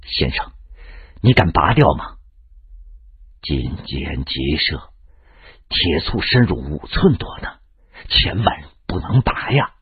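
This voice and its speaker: A man voicing an anxious older male army physician in a storybook reading, speaking low and hushed. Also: very animated, slow pace, long pauses, husky, dry recording, exaggerated voice. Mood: worried. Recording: tinny phone-like audio.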